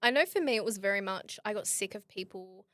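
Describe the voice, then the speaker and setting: A woman hosting a podcast, telling stories in a lively way and acting out what people said to her. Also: mid-range voice, fairly quick, dry recording. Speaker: podcast host. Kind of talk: casual interview chat.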